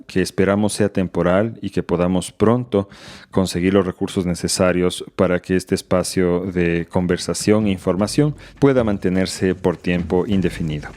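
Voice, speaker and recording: Deep-voiced male podcast host. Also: darkish tone. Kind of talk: podcast interview and announcements.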